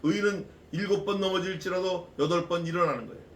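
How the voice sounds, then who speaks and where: A middle-aged man, a pastor, delivering an expository sermon in a folksy, animated way, often tossing questions out to the congregation. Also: high voice, quick pace, slight background noise. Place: church sanctuary. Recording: echoey church from a distance.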